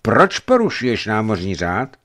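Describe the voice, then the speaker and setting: Stern old sea captain grilling a kid, loud and lively, a guy reading it. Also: on the low side. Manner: harsh, interrogating, raised voice. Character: stern old male ship captain, commanding.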